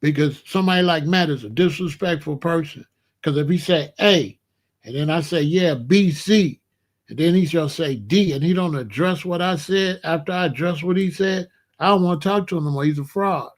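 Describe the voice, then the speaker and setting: A man with a slightly high voice, speaking at normal speed, hosts a live commentary stream and rants to his chat off the cuff. He's blunt, repetitive and confrontational, singling out one chatter.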